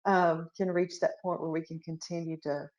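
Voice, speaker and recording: A woman's voice: fairly low pitch, flat delivery, moderate pace, a little mellow, lo-fi sound. A woman hosting an interview casually, supportive, reading out audience comments, heard over a video call. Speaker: host.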